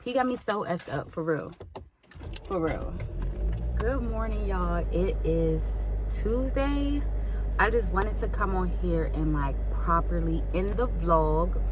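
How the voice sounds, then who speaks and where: Young woman vlogger, blunt and cussing, unhurried delivery, noisy phone audio. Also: medium pitch. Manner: blunt, swearing, talks straight to viewers. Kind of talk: casual vlog chat.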